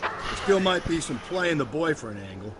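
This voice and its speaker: A man's voice: fairly high pitch, very animated, normal speed, background noise. An actor playing a cynical, thrice-divorced detective who needles his partner in coarse, sardonic banter, in video game dialogue. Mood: needling. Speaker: police detective.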